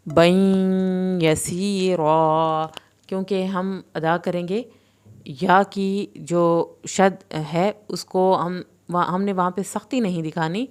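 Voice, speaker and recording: Female recitation teacher with an Urdu accent, crisp clear voice, explains then recites slowly. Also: on the low side, a little mellow. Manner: clear explanations alternating with slow drawn-out recitation. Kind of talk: tajweed lesson, explaining and reciting.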